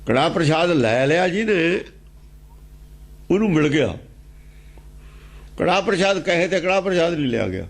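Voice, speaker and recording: A man's voice: a little high, sing-song, moderate pace, long pauses. A man with a Punjabi accent explaining scripture, repeating key phrases and asking rhetorical questions. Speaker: religious teacher. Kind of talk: scripture exposition talk.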